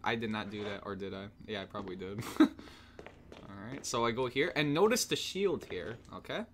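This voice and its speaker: A man's voice: fairly low pitch, animated, moderate pace, fairly bright tone, a little hiss or hum. A man giving casual, jokey gameplay commentary, laughing often and swearing casually. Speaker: let's play gamer.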